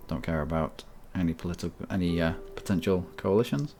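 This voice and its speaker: Very deep-voiced man musing over a strategy game. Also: fairly quick, a little mellow, a little hiss or hum. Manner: thinking aloud while playing, wry asides. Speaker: gaming channel host.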